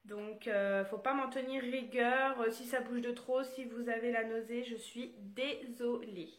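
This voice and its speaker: A woman's voice: a little high, fairly even intonation, measured pace. A young woman and mother filming a casual home vlog on her phone in her child's bedroom, chatty with many fillers, turning sing-song when she talks with her small children. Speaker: vlogger and mother. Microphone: phone held while filming.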